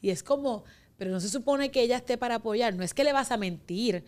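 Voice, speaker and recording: Puerto Rican woman wedding planner, a chatty guest who tells animated stories and mimics her clients. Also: on the high side, fast talker. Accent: Puerto Rican Spanish. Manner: animated storyteller, acts out clients' voices. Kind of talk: casual chat.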